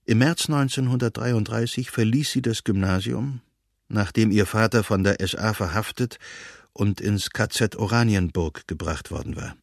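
Low-voiced man reading a memoir. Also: moderate pace, vocal fry, no room sound, studio quality. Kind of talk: calm reading of a memoir excerpt.

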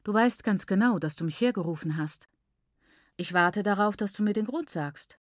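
A woman voicing a calm, proud, educated woman who speaks in a composed tone. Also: medium pitch, moderate pace, dry recording, studio quality, lightly acted.

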